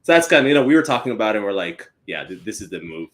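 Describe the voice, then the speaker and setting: A man's voice: fairly low pitch, racing. A young man from East Africa, a company co-founder chatting casually as a podcast guest with lots of fillers. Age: young adult. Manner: relaxed, rambling with many fillers.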